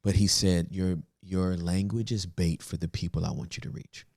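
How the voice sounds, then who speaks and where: Man, pastor, low gravelly voice, dry close sound, emphatic storytelling. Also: steady tone, moderate pace, warm tone, dry recording. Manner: storytelling, emphatic, laughs often. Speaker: pastor and podcast host. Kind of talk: casual podcast conversation.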